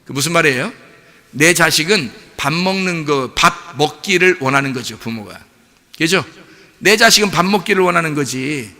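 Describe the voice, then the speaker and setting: A male pastor preaching a sermon in a lively way, asking rhetorical questions and laughing along. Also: fairly high pitch, normal speed. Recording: long hall reverb.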